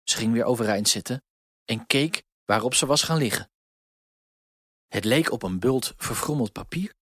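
Husky man reading a storybook. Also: medium pitch, normal speed, no room sound, clean studio sound. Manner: gentle, expressive reading. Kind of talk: storybook read aloud.

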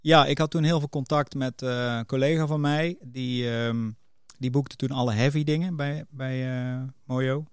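A middle-aged man with a steady, clear, resonant mid-range voice speaks at a normal speed as a podcast guest and music booker. In a casual interview, he tells career anecdotes in a loose storytelling manner, recorded dry with clean studio sound.

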